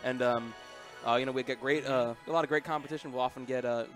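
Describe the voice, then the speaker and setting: Fast-talking bright young male commentator. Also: mid-range voice, steady tone, soft background music. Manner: rapid, upbeat, rambling with fillers. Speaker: esports commentator and event organizer. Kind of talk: live tournament commentary. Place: small game center room with shelves. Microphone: headset.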